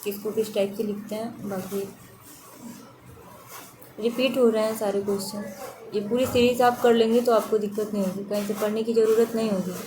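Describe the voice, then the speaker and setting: A woman's voice: medium pitch, fairly even intonation, moderate pace, noisy background. A woman teaching an online exam-prep lesson, steadily repeating which spellings are correct and which are wrong.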